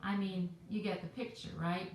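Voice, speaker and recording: A woman's voice: medium pitch, steady tone, normal speed, a little hiss or hum. A woman hosting a weekly devotional video, telling a story in a casual, chatty way with frequent "right?" asides. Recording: very echoey room.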